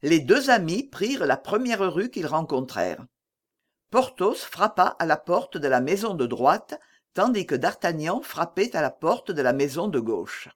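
Measured audiobook reader, lively melody, unhurried delivery. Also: mid-range voice. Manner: slow, lively storytelling with voiced dialogue. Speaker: audiobook narrator. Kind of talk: scripted narration of a classic novel.

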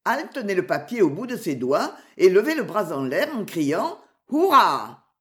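Expressive woman reading a storybook. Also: medium pitch, moderate pace. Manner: expressive, animated. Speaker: narrator.

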